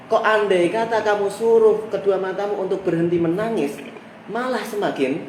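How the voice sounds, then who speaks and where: A man with a Javanese accent teaching a religious text study, reciting Arabic phrases and then explaining them in lively local speech. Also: high voice, normal speed. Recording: echoey room, heard from a distance with background noise.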